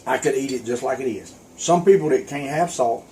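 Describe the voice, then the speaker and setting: A man's voice: medium pitch, brisk, warm tone, slight background noise. A man, casually and bluntly giving his opinion on food while eating. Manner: blunt, folksy, dry humor, talks with mouth full. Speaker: taste tester, host's husband.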